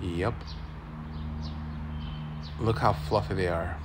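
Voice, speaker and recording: A man in his forties, working as a food vlogger, films on his phone at an outdoor street food stall, giving upbeat tour-guide commentary in a casual walk-and-talk style. His voice is low and he takes his time. There's a lot of background noise.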